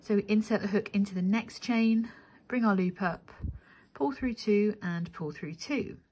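A woman with a slightly husky, middle-pitched voice with a darkish tone leads a crochet tutorial. She works methodically and unhurriedly, one step at a time, counting aloud as she goes.

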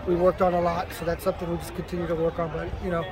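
A man's voice: sits high, monotone, racing. A male soccer coach answering questions at a postgame press conference in a casual way, repeating words and filling with "you know". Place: outdoors at a stadium after a match. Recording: outdoors with crowd noise behind.

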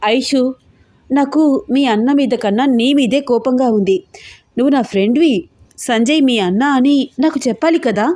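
A woman's voice: high voice, moderate pace, no echo, clean studio sound, voice pushed up, close to an everyday voice. A woman voicing an angry young woman who scolds and threatens her fiancé in an audio story. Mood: sulky, angry. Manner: scolding, sharp-tongued. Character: hot-tempered young woman, bride-to-be.

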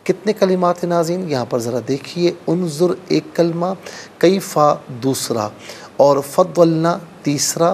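A man teaching Quran recitation, explaining pronunciation rules and chanting the verses slowly. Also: fairly high pitch, vocal fry, a little mellow, slight background noise. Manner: slow melodic recitation between explanations. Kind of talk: recitation lesson.

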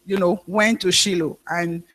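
A woman pastor preaching a sermon, telling a story in a halting way with frequent restarts. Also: on the low side, steady tone, a bit bright.

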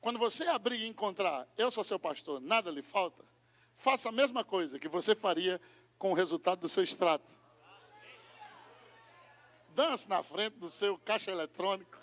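Animated high-voiced Brazilian preacher. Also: male voice, normal speed, pauses often, big-room sound. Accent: Brazilian Portuguese. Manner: animated preaching, swings from hushed to shouting. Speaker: pastor. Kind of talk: sermon.

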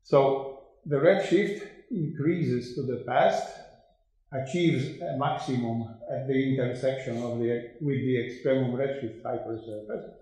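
Older male lecturer, slow and halting, mellow voice, very echoey lecture hall. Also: medium pitch. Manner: slow and hesitant, many fillers and restarts. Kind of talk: academic conference lecture. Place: dark lecture room with a projector. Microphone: room microphone.

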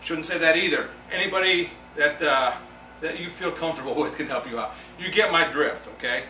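A man's voice: on the high side, a little fast, bright, forceful tone, recorded from a distance, a little hiss or hum. A middle-aged man giving a casual, rambling tour of his basement home gym, moving around the room as he talks. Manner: chatty, rambling, moves around the room while talking. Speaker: fitness vlogger. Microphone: camera mic from across the room. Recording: echoey basement, voice from off mic.

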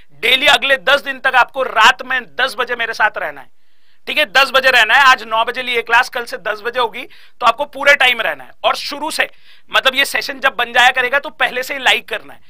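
Bright, dry-voiced Indian lecturer. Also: male voice, very high-pitched, no echo. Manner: repeats key points, quizzes students aloud. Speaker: exam-prep lecturer. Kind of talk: live online lecture.

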